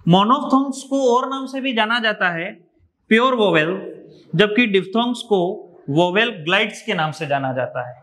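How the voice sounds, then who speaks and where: A man's voice: sits high, expressive, measured pace, fairly bright tone. A man from India giving an exam revision lecture, explaining step by step and repeating key terms. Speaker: teacher.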